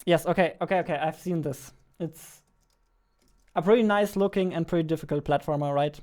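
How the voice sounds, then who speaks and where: A man in his twenties, a game developer streaming his daily devlog, chats playfully with viewers while he plays, talking back to the chat in a playful, excitable way. His voice sits a little high and moves fairly quickly, with faint music behind him. He's in a small dark room, wearing headphones and using a studio mic on a boom arm for this casual live-stream chat.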